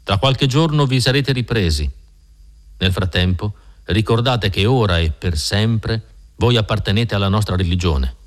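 A man's voice: fairly low pitch, a little slow, close to an everyday voice. A man voicing a firm, instructive older religious elder in an audiobook reading.

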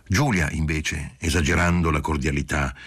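A man giving steady, measured literary audiobook narration. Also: extremely low pitch, no echo.

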